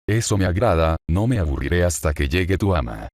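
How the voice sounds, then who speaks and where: A man's voice: low-pitched, sing-song, a little fast, darkish tone, no echo, studio quality. A man voicing a cruel, taunting female fallen angel in a fan story reading, in a mocking, gloating manner.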